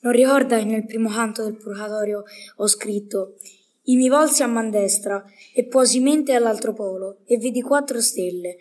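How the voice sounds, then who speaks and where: A woman's voice: a little high, moderate pace, darkish tone, natural voice. A woman playing a learned, proud medieval male poet in a scripted radio interview, speaking in a formal, didactic way. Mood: condescending. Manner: formal, didactic, bookish phrasing.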